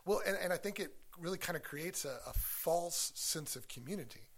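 A man's voice: fairly high pitch, animated, moderate pace, a bit bright. A man co-hosting a casual church discussion podcast, talking through his ideas earnestly with frequent restarts. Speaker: podcast co-host.

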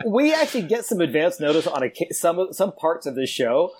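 A man's voice: on the high side, sing-song, normal speed, a little hiss or hum. A man chatting on a podcast in a playful, teasing way, often cutting in. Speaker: podcast guest. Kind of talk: casual podcast chat.

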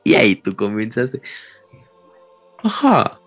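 A teenage boy with a Mexican Spanish accent, co-hosting a podcast in casual, argumentative banter, swearing a lot as his voice jumps high when heated. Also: wildly swooping pitch, slow, fairly bright tone, husky, no echo, soft background music. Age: teens. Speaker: podcast co-host.

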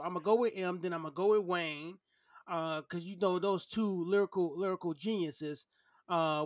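A man's voice: sits high, no room sound, studio quality. A man in his thirties chatting casually as a podcast co-host, arguing his opinions emphatically and repeating himself for stress. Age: 30s. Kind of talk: casual opinionated debate chat.

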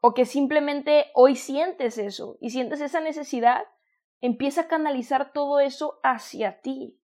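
A woman with a Mexican accent speaks in a high voice, giving a motivational talk on self-love. She talks in an affectionate, conversational way, repeating and restarting phrases as she goes. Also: measured pace. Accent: Mexican Spanish. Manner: warm, affectionate, addresses listener as "hermosa".

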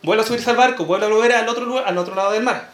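A pastor preaching a sermon, telling a story and asking the congregation rhetorical questions. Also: male voice, high voice, very fast, fairly bright tone, echoey room, a little hiss or hum.

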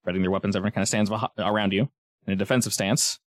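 Low-voiced man narrating as game master. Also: steady tone, dry recording, clean studio sound. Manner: casual, descriptive, pauses to search for words. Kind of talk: improvised narration of a tabletop game.

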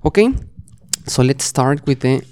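Guy doing a podcast lesson, slow and patient, mellow voice. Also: mid-range voice, flat delivery, clean tone. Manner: patient, repeats words slowly for practice. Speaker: English teacher.

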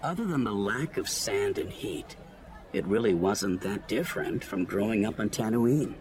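A man narrating a story as an audiobook reader, in an expressive storytelling manner. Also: fairly low pitch, normal speed. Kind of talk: scripted narration.

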